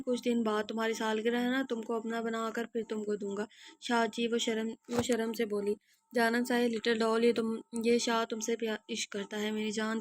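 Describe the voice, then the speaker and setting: A hoarse woman reading a romance novel aloud and voicing all its characters, often clearing her throat and restarting words. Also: dry recording. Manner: narrow pitch range, stumbles and restarts words. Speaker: audio novel narrator.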